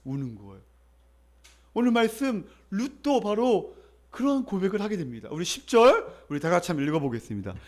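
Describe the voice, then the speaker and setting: A man's voice: high voice, sing-song, fairly quick. A male pastor preaching a sermon in a conversational, storytelling way, asking the congregation questions and leading them in call-and-response readings.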